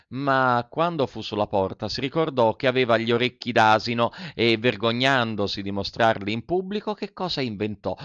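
A man's voice: lowish voice, a bit bright, no room sound. A man narrating a children's story expressively, speaking directly to the listeners. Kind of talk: scripted narration. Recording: dull, dry recording.

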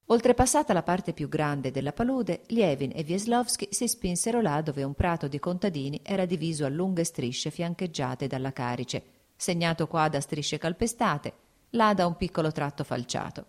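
Female audiobook narrator, lower pitch, measured and steady literary reading. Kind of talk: scripted audiobook narration of a classic novel.

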